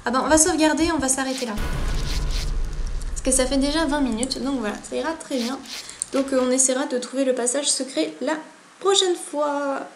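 A woman's voice: high-pitched, fairly even intonation, a little fast, a little hiss or hum. A woman commenting on a video game playthrough, reading the in-game journal aloud and stumbling over words at times. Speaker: let's play host.

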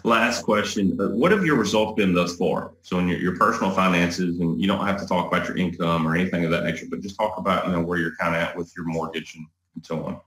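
Deep-voiced interviewer in an echoey room. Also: male voice, steady tone, fast talker, few pauses, fairly bright tone. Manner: upbeat, rambling questions. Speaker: interviewer for the coaching company. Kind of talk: video call interview.

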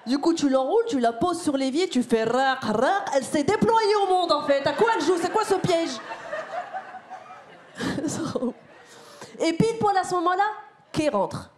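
A woman performing a stand-up comedy set on a theater stage, talking to the crowd in an animated, slangy way. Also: very high-pitched, measured pace, pauses often. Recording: live theater with loud crowd noise. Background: audience laughter.

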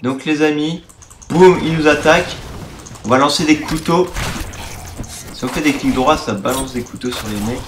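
Excitable 18-year-old male let's-play host, roomy room sound. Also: fairly high pitch, moderate pace, long pauses, a crowd in the background. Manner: excitable, exclaims often. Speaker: gaming video host. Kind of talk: casual let's-play commentary.

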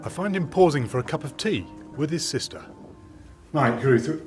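A man's voice: on the high side, expressive, normal speed, faint music behind. A man presenting a documentary walking tour, narrating and interviewing with marvelling enthusiasm on open downland. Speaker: landscape archaeologist presenter.

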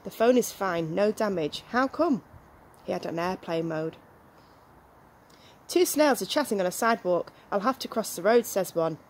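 A woman's voice: mid-range voice, lively intonation, moderate pace. Woman reading out jokes. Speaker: joke reader. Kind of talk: reading out one-liner jokes. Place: small back garden, outdoors. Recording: faint outdoor background noise.

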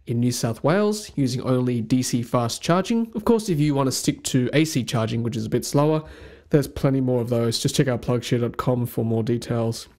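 Narrating a map over slides for his own channel, a young male host speaks at medium pitch with a darkish tone. His voice-over is upbeat and orderly, running through numbered tips.

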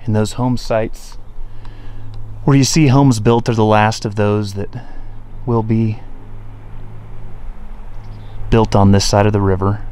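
A man's voice: lowish voice, a little slow, smooth. Man narrating an outdoor property tour. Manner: relaxed, enthusiastic, pointing out landmarks. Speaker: real estate video tour narrator. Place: outdoors on a rural lot and riverside.

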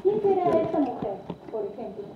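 A woman's voice: sits high, big pitch swings, normal speed. A woman giving a guided tour explanation in a didactic way, often putting questions to her group. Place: large echoey indoor room. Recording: lo-fi, noisy, very echoey, distant mic.

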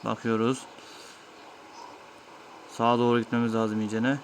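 A man talks his viewers through an old game, explaining each move patiently in a steady, mid-pitched voice. A faint hiss sits under the recording. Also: unhurried. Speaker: gaming YouTuber. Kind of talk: let's-play commentary.

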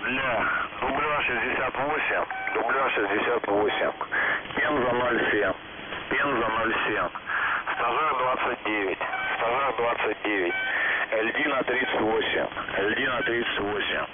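A man working as a radio operator, heard over a shortwave radio, reading out a coded message in a measured way and saying each phrase twice. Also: medium pitch. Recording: tinny, heavily hissing radio transmission.

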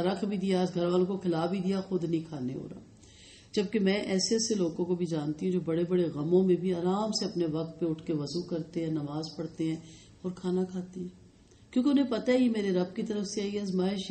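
Warm-voiced woman giving a religious talk. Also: fairly low pitch. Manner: lively storytelling with direct address. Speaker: Islamic lecturer. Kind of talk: religious lecture to women.

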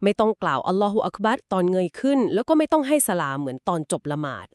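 A woman co-hosting a podcast, calmly and patiently explaining things step by step. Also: medium pitch, fast talker, no echo, clean studio sound. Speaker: podcast co-host explaining Quran etiquette.

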